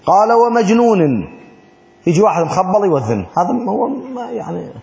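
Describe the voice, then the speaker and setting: High-voiced teacher in an echoey hall. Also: male voice, very animated, normal speed, vocal fry, darkish tone, dull audio. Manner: asks students frequent check questions; chants call-to-prayer phrases as examples. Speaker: teacher of Islamic law. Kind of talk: classroom lesson.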